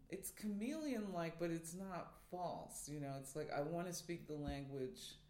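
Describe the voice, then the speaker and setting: A theater professor from New York City speaks thoughtfully as an interview guest, reflecting on his subject. His mid-range voice is a little mellow, and the recording has a roomy echo.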